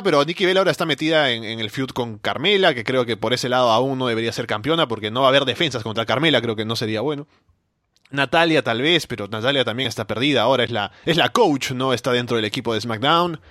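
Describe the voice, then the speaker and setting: A man with a bright, forceful voice talks casually as a podcast panelist. He gets animated and thinks aloud, with plenty of fillers. The sound is close and dry. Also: mid-range voice, quick pace, no room sound. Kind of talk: casual wrestling podcast chat.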